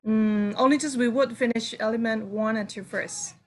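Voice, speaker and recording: A woman teaching informally, explaining haltingly and often checking with the listener. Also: a little high, steady tone, faint music behind. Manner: halting explanations with checking "right?" and "you know". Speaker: English teacher. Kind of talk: informal class discussion. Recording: clear background noise.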